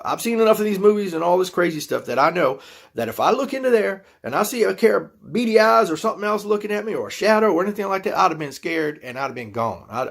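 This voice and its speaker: A man's voice: a little high, fairly bright tone. A man telling a personal story to camera in a folksy, rambling way, acting out his own reactions. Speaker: YouTube channel host.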